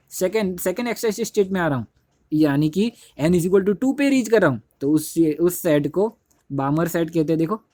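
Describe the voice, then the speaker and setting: Young guy teaching chem, mellow dry voice, keeps going "dekho" and correcting himself. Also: sits high, no room sound. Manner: repetitive, keeps saying "dekho", self-correcting. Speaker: chemistry teacher. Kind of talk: casual classroom lecture. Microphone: phone held while writing on screen.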